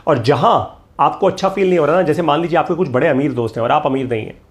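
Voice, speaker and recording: A man's voice: fairly high pitch, quick pace. A middle-aged man teaching a motivational course, emphatic and repetitive, slipping English phrases into his talk. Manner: emphatic, repeats key lines, mixes English phrases.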